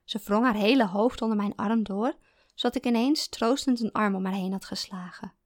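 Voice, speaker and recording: A woman narrating a first-person literary story in a calm, measured way. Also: mid-range voice, dry recording, studio quality.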